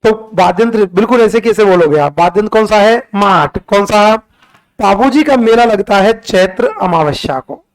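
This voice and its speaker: A young man teaching a class, firing short questions and repeating them back for the students. His voice sits high and comes through smooth and resonant. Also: expressive, rough recording. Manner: brisk, quizzing students with rapid repeated questions. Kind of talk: classroom lecture with call-and-response drilling.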